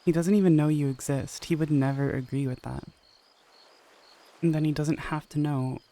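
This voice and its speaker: A man's voice: fairly high pitch, fairly even intonation, normal speed, mellow, natural voice. A man reading the lines of a hesitant young woman torn between her lover and her family, in an audio story.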